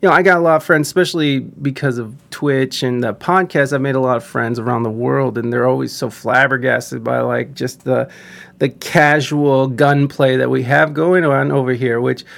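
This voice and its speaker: A man's voice: mid-range voice, steady tone, normal speed, gravelly, fairly bright tone. A man from the United States hosting a podcast, chatting casually with lots of stammering restarts. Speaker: podcast host. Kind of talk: casual interview chat.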